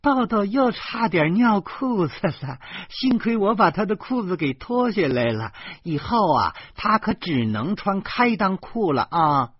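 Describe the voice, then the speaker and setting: A man voicing a hot-tempered male music teacher who shouts in a shrill voice. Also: sing-song, a little slow, few pauses, slightly rough, no echo, muffled recording, heavily acted. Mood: furious yelling.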